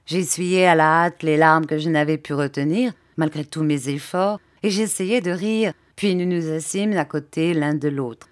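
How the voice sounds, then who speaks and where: A woman narrating a classic novel as an audiobook reader, measured and expressive. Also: sits low. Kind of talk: scripted narration.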